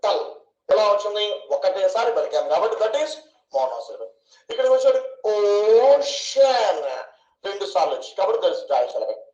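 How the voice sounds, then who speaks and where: A man teaching an English grammar class online, asking questions and slowly drawing out each syllable. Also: high-pitched, big pitch swings, a little mellow. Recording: echoey room, dull lo-fi sound.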